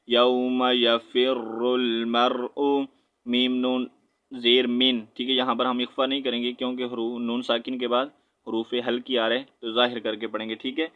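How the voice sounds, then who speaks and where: A man with a Pakistani Urdu accent teaching Quran recitation, spelling out letters and vowel marks, then reciting slowly and drawn out, with quick low explanations. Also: fairly bright tone, clean tone, muffled recording. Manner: explains quickly in a low aside, often asking "right?".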